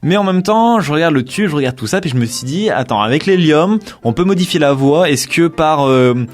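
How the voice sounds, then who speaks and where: A man's voice: a little high, animated, a little fast. A man co-hosting a casual radio show, rambling through gift ideas with many restarts and fillers.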